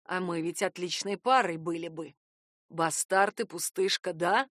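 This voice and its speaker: A woman voicing a desperate, obsessive young man who hisses and growls his lines, hoarse and threatening. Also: fairly low pitch, a little slow, a bit bright, dry recording, studio quality, pitched below the performer's own voice. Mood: obsessive, menacing. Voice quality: hoarse, hissing. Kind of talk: audiobook character voice.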